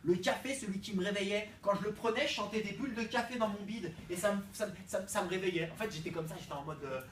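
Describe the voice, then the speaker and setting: Man, high voice, improvised comic slam, playful, loud bursts and hushed passages, stammering repeats, distant from the mic. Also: quick pace, slight background noise. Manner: energetic and playful, swinging between loud outbursts and hushed dreamy passages. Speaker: slam poet leading a school workshop. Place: school classroom. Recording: echoey classroom, voice from a distance.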